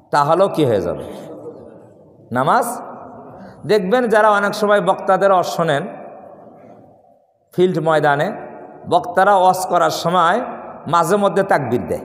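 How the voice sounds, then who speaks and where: A Bangladeshi imam preaching a Friday sermon, his fairly high voice rising and falling with lively swings. He poses questions and leaves them for the congregation to complete. His voice rings through a large mosque hall with a long, echoing reverb. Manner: rhetorical questions the congregation completes, drawn-out demonstrations of recitation.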